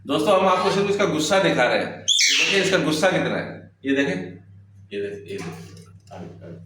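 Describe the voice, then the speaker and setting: A man's voice: fairly high pitch, very animated, quick pace, a bit bright. Echoey distant man coaxing his birds. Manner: coaxing and scolding his birds, pointing things out. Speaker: vlogger. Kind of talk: casual vlog talk to viewers and pet birds. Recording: very echoey, distant from the mic, noisy.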